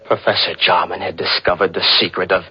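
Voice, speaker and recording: A man's voice: sits low, little pitch movement, brisk, husky. An actor playing a young male chemistry teacher who narrates his own story in a 1940s radio drama, earnest and suspenseful. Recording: muffled old radio recording with music.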